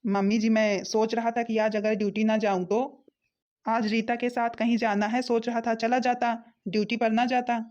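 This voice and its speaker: Woman playing a mild cartoon husband, easygoing, gentle, slightly muffled sound. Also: on the high side, flat delivery, moderate pace, close to an everyday voice. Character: young husband, mild and obedient to mother. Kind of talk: cartoon voice acting.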